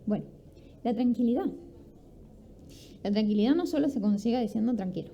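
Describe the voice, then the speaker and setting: A woman's voice: on the high side, lively intonation, a little fast, gravelly, warm tone, slight background noise. A woman giving an instructive talk at a sports conference. She explains as she goes, poses rhetorical questions and acts out examples. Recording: dull lo-fi recording with faint ambience.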